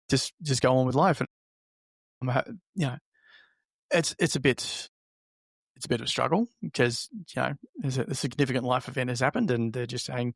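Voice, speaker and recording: A man, an interview guest telling a personal story in a halting, reflective, conversational way, acting out remembered remarks. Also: medium pitch, gravelly, no echo, clean studio sound.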